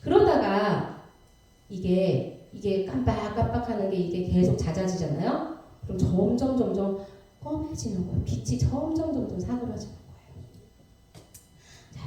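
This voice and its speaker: A woman's voice: medium pitch, animated, moderate pace, mellow, far from the mic. A woman missionary giving a sermon testimony, telling her story vividly and dramatically in a church. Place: church sanctuary. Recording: echoey church hall from afar.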